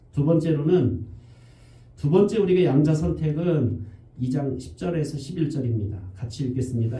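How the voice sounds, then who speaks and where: A man's voice: on the high side, mellow. A male pastor giving a conversational sermon in a church, explaining with everyday examples. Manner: conversational preaching with everyday examples and acted quotes. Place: church sanctuary. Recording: roomy church hall, distant mic.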